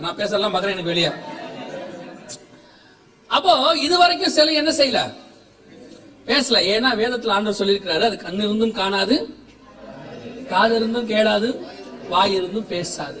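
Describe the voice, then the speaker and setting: A man with a strikingly high voice preaches in Tamil with a Tamil accent, throwing questions to his listeners and laughing along. He sounds a little far from the mic, in an echoey church hall. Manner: lively, questioning the congregation, frequent laughter. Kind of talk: sermon.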